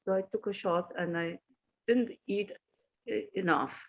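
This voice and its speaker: Older Indian woman telling a story haltingly. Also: medium pitch, creaky, muffled recording. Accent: Indian English. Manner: halting, anecdotal, frequent pauses and restarts. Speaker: guest. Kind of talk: casual storytelling conversation.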